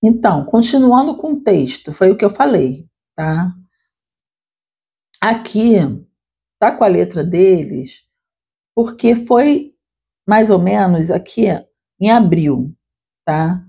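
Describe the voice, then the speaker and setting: A woman literacy teacher explaining classroom activities to other teachers in a conversational way, checking in often with quick tag questions. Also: mid-range voice, expressive, vocal fry, mellow, breathy edge. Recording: dull lo-fi recording.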